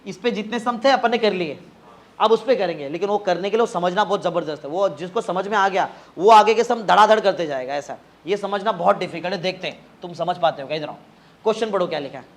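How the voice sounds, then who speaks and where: A man's voice: sits high, fast. A male physics tutor, teaching a live class in a coaching classroom, quizzing students and repeating phrases to drive points home.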